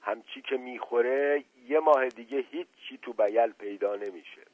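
A man's voice: mid-range voice, dry recording, natural voice. A man doing a shrewd firm village man. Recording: tinny phone-like dry recording.

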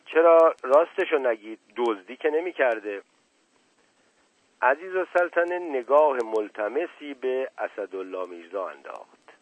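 A man narrating a novel as an audiobook, in a measured, expressive storytelling manner. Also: on the low side, slightly rough, no room sound. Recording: tinny radio broadcast.

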